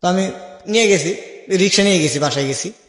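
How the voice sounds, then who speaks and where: Here a young Bangladeshi man with a high voice talks fast while telling his life story as an interview guest. He uses colloquial speech and acts out past conversations in this radio-style personal storytelling. There's a lot of echo and long reverb.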